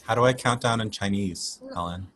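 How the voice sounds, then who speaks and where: A man hosting a casual group chat, playful and quick to laugh. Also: fairly low pitch, a bit bright. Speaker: host.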